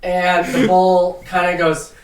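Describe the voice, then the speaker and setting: A man narrating a tabletop game casually as game master, often halting as he searches for words. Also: sits high, monotone, a little hiss or hum. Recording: roomy, distant from the mic.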